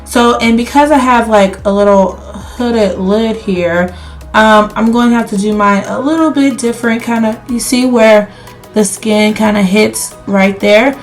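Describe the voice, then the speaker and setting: With faint music in the background, a woman gives a casual makeup tutorial, chatting straight to her viewers in a fairly high voice at a slightly slow pace. She's unwell and losing her voice, which comes out slightly crackly.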